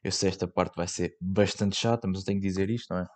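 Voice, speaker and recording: A young man with a European Portuguese accent rambles through his solo podcast in loose slang, full of fillers and the odd swear word. His voice sits low and comes across dark and mellow. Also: fairly even intonation, fast talker. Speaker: podcast host. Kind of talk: casual solo podcast chat.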